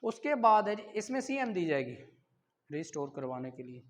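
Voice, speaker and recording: A woman speaks in a lowish, sing-song voice at normal speed, her Pakistani accent clear as she plays exam tutor. Questions come first, then didactic explanations with key points repeated, all captured in muffled lo-fi sound with a long, hall-like echo.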